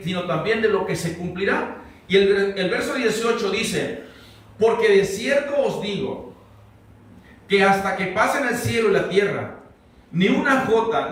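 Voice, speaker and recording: Male pastor, high voice, conversational Bible teacher, heard from afar in a booming church hall. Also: a bit bright. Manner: conversational, quizzes the congregation. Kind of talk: verse-by-verse Bible teaching sermon. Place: church sanctuary. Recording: very echoey hall, mic far off.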